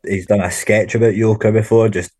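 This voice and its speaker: Here the Glasgow-accented band frontman talks fairly quickly in an informal podcast chat, dropping slang and the odd curse. His voice sits on the low side, a little mellow and fairly even in intonation, with no echo.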